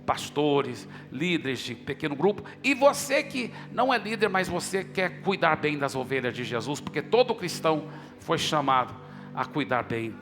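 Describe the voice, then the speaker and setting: A man's voice: fairly high pitch, big pitch swings, moderate pace. A male pastor preaching a sermon, passionately retelling his prayers and urging leaders to come forward. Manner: impassioned preaching with dramatic retold dialogue. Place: church auditorium. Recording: church hall reverb with faint music.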